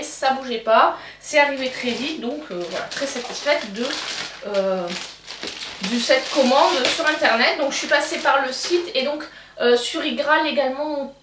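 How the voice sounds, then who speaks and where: A woman's voice: high-pitched, normal speed, background noise. A young woman with a French accent reviewing a beauty box in a chatty way, full of fillers and restarts. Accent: French, self-described accent. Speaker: beauty vlogger. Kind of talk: casual unboxing review. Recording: echoey room, from a distance.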